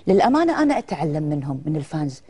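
Middle-aged actress, husky voice, rattles off stories fast and animated. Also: female voice, sits low. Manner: lively, animated storytelling with quoted dialogue. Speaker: actress guest. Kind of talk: casual TV interview.

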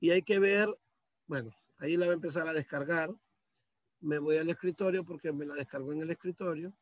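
Over a video call with a computer mic, a male teacher patiently guides students step by step through a computer task during a screen-share lesson. His fairly high voice is steady and brisk, and the recording is dry.

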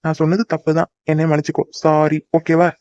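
A man's voice: fairly high pitch, monotone, fast, darkish tone, smooth, dry recording, lo-fi sound, lightly acted. A young man voicing a teasing, devoted boyfriend in a cartoon, coaxing and joking. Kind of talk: cartoon voice acting.

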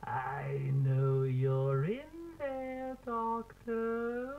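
A man's voice: extremely high pitch, monotone, drawn-out words, exaggerated voice. An actor playing a theatrical, mocking, menacing clown villain who drawls his lines in an analog horror drama. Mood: taunting. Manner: drawling, theatrical, with cackling laughter. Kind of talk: scripted analog horror acting. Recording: tinny, noisy degraded tape.

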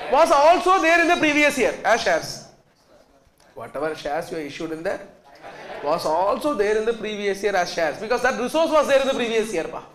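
A South Indian-accented man lectures in a classroom with a very high voice. He is emphatic and repetitive, often checking that students follow. The room gives his voice a clear echo. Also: a bit bright. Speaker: accountancy teacher. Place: indoor classroom. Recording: echoey classroom sound.

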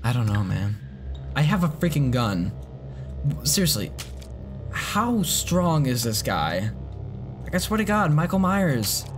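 A man commentating his horror gameplay, loudly exasperated and swearing at the game. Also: on the high side, sing-song, slow pace, long pauses. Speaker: gaming YouTuber. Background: game music.

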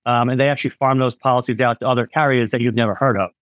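Talking rapid-fire in a steady, medium-pitched voice, a middle-aged man who works as an independent insurance agent gives frank explanations in an interview over video call. He peppers it with "um" and "you know." There's no echo, but the high frequencies are cut off.

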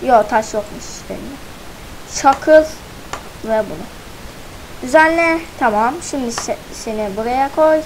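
High, chatty woman narrating gameplay. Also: expressive, a little slow, long pauses, a little hiss or hum, low-quality recording. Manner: chatty self-talk, counts aloud, playful slang. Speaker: gaming channel host. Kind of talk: casual let's-play commentary.

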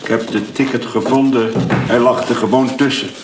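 A man's voice: mid-range voice, steady tone, moderate pace, roomy sound, background noise, lightly acted. An actor playing a grumbling, indignant, put-upon man in a sitcom. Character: put-upon middle-aged man Simon ten Brugge. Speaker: sitcom character. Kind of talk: sitcom acting.

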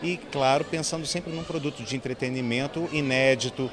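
A man, a film producer, giving steady promotional interview answers outdoors at a premiere. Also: medium pitch, brisk. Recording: crowd noise behind.

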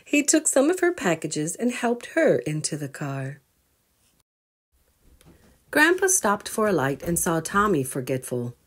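A woman with a voice on the low side reads a children's storybook aloud, unhurried and with long pauses. She tells it expressively to young listeners, asking them questions.

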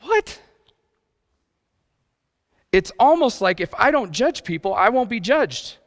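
Here a middle-aged man with a very high-pitched voice speaks slowly, his pitch swinging widely. He's a guest preacher and youth pastor, partly raised in Japan, giving a conversational, self-deprecating sermon with rhetorical questions on a church stage indoors, and the recording has reverberant hall acoustics.

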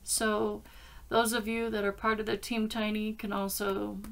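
A woman's voice: medium pitch, level tone, a little slow, gravelly. A woman in her forties hosting a casual craft vlog, chatting to viewers and rambling as she narrates each step aloud. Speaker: craft channel host. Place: small craft room at home, indoors. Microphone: laptop webcam at arm's length.

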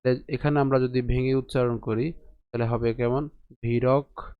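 Guy teaching how to say sanskrit verses, slow careful chanting, quizzes himself, pretty dry sound. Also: mid-range voice, little pitch movement, clear, resonant tone, no echo, narrow, tinny audio. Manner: explains and asks rhetorical questions. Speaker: Gita recitation teacher. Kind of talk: online pronunciation lesson.

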